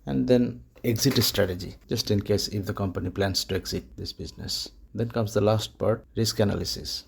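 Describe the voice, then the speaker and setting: A man's voice: lowish voice, creaky, husky. A man in his thirties from Bangladesh, presenting a market research report as a plain list-like walkthrough, often correcting himself as he goes. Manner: plain, list-like delivery with frequent self-corrections.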